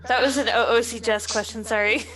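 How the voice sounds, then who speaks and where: A woman's voice: fairly high pitch, steady tone, brisk, fairly bright tone, soft background music, low-quality recording. A woman playing a tabletop role-playing game, chatting casually in and out of her role. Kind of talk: casual role-play chat.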